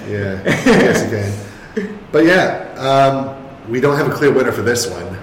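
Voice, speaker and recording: Male host, animated delivery, echoey room. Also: medium pitch, normal speed. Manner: lively, reads viewer comments. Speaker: podcast host. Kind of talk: casual podcast chat. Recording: echoey room, faint hum.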